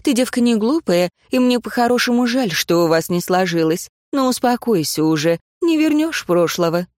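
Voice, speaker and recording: A woman's voice: medium pitch, lively intonation, moderate pace, darkish tone, no echo, clean studio sound, natural voice. A woman voicing a shrewd, homely older village woman who talks in folksy, plain speech. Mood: chiding.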